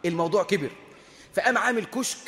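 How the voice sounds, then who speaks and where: A man's voice: sits high, animated, fast, a bit bright, long reverb tail. A man with an Egyptian Arabic accent preaching a sermon, telling a story with humor and asking the audience rhetorical questions.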